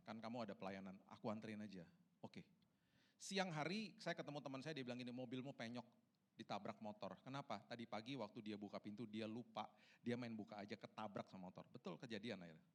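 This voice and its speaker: Fast-talking pastor preaching in a church. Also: male voice, on the low side. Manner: storytelling, swings from soft and hushed to loud and soaring. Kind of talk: sermon. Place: large church hall.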